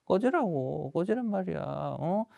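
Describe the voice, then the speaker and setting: A man's voice: on the high side, expressive, a little slow, gravelly, warm tone, no echo, pitched above the performer's own voice, heavily acted. A man acting out a schoolboy bully who sneers and drags out his taunts. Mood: taunting.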